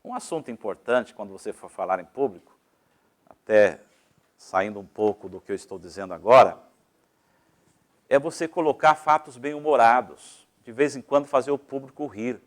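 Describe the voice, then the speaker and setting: A man's voice: mid-range voice, moderate pace. A man with a Brazilian Portuguese accent giving a didactic lecture on public speaking, explaining step by step and shifting his volume and pace freely.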